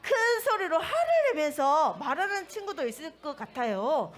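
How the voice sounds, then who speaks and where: A woman's voice: sits high, sing-song, normal speed. A woman giving a sermon to toddlers in a sing-song way, asking the children questions. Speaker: children's pastor.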